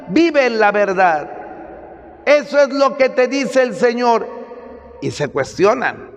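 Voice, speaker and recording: A Mexican priest giving a Sunday gospel sermon, preaching emphatically with dramatic pauses. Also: male voice, very high-pitched, in a large hall, lo-fi sound. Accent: Mexican Spanish. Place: church.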